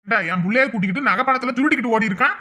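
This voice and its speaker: A woman's voice: on the high side, racing, bright, forceful tone. A woman with a Kanyakumari Tamil accent voicing scolding village characters in a cartoon.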